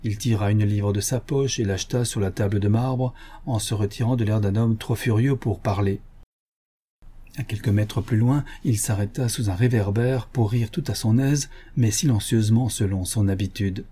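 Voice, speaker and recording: A man narrating an audiobook in a measured storytelling manner. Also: lowish voice, warm tone, husky.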